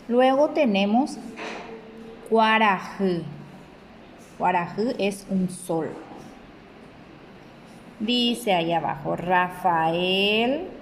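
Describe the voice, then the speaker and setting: A woman teacher, speaking slowly and deliberately to children in a recorded lesson, spelling out syllables one by one. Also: mid-range voice, a little hiss or hum, rough recording. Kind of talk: slow recorded remote lesson.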